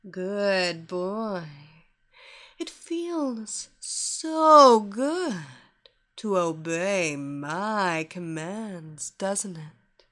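A woman voicing a commanding, seductive female hypnotist who draws her listener into her power with a slow, soothing, repetitive cadence. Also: mid-range voice, animated, fairly bright tone. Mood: hypnotic, commanding. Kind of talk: hypnosis story reading.

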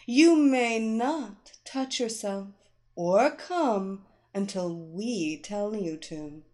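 Woman doing a commanding hypnotist woman, slow firm commands, lively pitch, storybook reading.

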